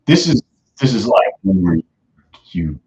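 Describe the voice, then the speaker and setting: A man's voice: low-pitched, sing-song, a little slow, darkish tone, husky, muffled recording. A man casually chatting on a live stream about trading, his voice coming through glitchy and robotic-sounding. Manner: loose, rambling, joking. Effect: glitchy robotic-sounding stream audio. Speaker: livestream trading host.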